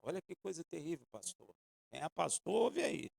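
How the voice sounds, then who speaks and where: Man, Brazilian accent, preacher, sermon, gravelly, swoops up and down, dramatic. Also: a little high, moderate pace. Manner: animated and dramatic, acts out quoted voices; asks the congregation for "Amen?" responses.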